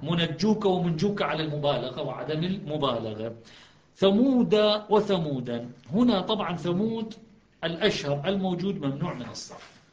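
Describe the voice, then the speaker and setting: A man's voice: on the high side, expressive, quick pace. Lecturing man, echoey and muffled. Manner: explanatory, asks students if it is clear. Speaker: teacher of Quran recitation and grammar. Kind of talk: classroom lecture. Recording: echoey, muffled classroom recording.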